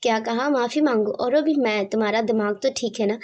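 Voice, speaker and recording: A woman's voice: a little high, brisk, darkish tone, lightly acted. A woman voicing a bold, cheeky young woman who mocks her rivals in a spoken romance story. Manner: cheeky, mocking.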